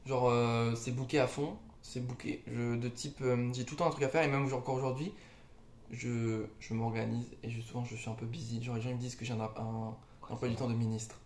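Fast-talking young man in an echoey room. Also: medium pitch, little pitch movement, a little mellow, slight background noise. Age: young adult. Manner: slangy, informal phrasing. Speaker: co-host. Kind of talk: casual conversational podcast chat.

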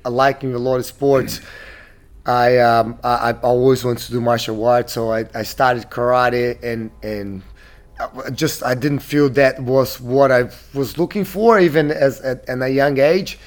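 A man's voice: mid-range voice, fairly even intonation, measured pace. A man from Brazil in his thirties, a gym owner being interviewed, talking casually with many restarts and fillers.

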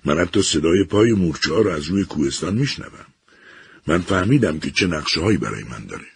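A man voicing a lonely, bitter sentient machine that speaks slowly and gravely. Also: sits low, very animated, heavily acted. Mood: lonely, brooding.

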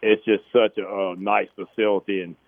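A man's voice: lowish voice, little pitch movement, normal speed, dry recording. A man talking as a casual, folksy, appreciative interview guest. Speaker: interview guest, event co-director. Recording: tinny narrow phone line.

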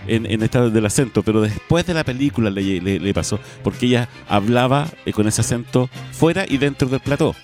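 A man's voice: medium pitch, animated, brisk, few pauses, darkish tone, faint music behind. A man with a Chilean accent co-hosting a radio film show, rambling casually and often checking in with listeners. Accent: Chilean Spanish. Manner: rambling, filler-heavy, checks in with "¿ya?". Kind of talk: casual film review chat.

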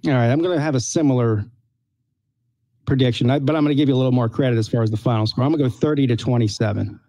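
A man's voice: mid-range voice, very fast, mellow, no room sound. A man co-hosting a casual sports podcast, easygoing and upbeat as he talks about an upcoming game. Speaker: podcast co-host.

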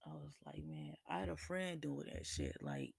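A man hosting a podcast, chatting casually and laid-back, swearing freely and laughing often, with a gravelly, husky voice. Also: fairly high pitch, wildly swooping pitch, moderate pace, no room sound. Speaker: podcast host. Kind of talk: casual solo chat.

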